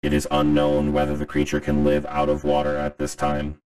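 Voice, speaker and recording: A man voicing a stern emergency announcer who cuts into a broadcast, reading a public warning in a slow, grave, monotone way. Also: a bass voice.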